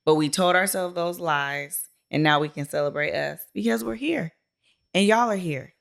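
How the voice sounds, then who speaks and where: Lower-voiced woman podcast co-host, emphatic, stacks up phrases like a pep talk. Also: creaky. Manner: emphatic, builds rhythmic lists, quick affirmations. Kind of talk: casual heartfelt chat.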